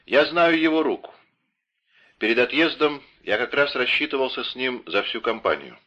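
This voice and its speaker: A man reading the part of a stern, reserved noble musketeer in an audiobook, measured in his speech. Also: medium pitch, animated, pushed and bright, pitched above the performer's own voice. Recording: dull lo-fi audio.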